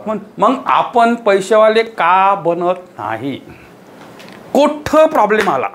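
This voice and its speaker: With a high, very animated, slightly bright voice, this teacher takes his time delivering a motivational lecture to a live audience. He pushes points home through repetition and rhetorical questions, over slight background noise.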